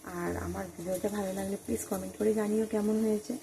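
A woman talking softly and chattily to her viewers while cooking at home in the early morning. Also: mid-range voice, steady tone, brisk. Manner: speaks softly and quietly; chatty, addresses viewers directly. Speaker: vlogger. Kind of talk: casual cooking vlog. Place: home kitchen at dawn. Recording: noisy home recording.

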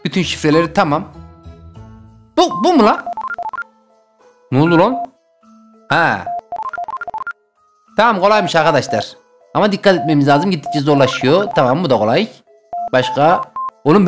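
A young man with a high voice commentates his game run, lurching from loud yelping outbursts to low mutters to himself. Faint game music plays behind him. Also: animated, a little fast, pauses often. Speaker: gaming YouTuber. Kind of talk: Let's Play commentary.

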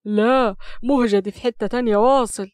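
A woman's voice: fairly high pitch, fairly even intonation, a little fast, darkish tone, no echo, clean studio sound, lightly acted. A woman voicing a teasing young husband, speaking with an Upper Egyptian accent in mock-cool banter. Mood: warm, teasing. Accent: Upper Egyptian Arabic. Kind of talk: audio story reading.

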